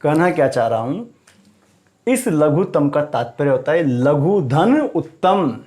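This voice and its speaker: A man's voice: on the high side, big pitch swings, a little slow, a little mellow. A man teaching a grammar lesson, stressing each term, repeating it and quizzing the viewer.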